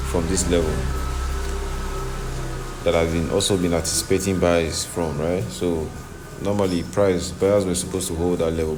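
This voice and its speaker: A man giving casual trading commentary, repeating his phrases and checking that the listener follows. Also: low voice. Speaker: trading vlogger. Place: on location, partly in a noisy hospital. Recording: noisy background, uneven level.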